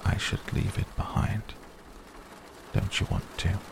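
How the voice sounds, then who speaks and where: A man voicing a grave old wizard in a story reading, watchful and quietly commanding, measured and thoughtful, on a noisy recording. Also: a bass voice, vocal fry, heavily acted. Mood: quietly insistent.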